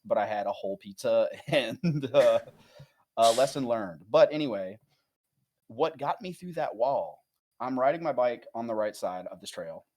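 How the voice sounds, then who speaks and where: Casting note: podcast co-host, man, mid-pitched, animated storyteller who swears casually. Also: moderate pace. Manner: animated, rambling anecdotes with swearing.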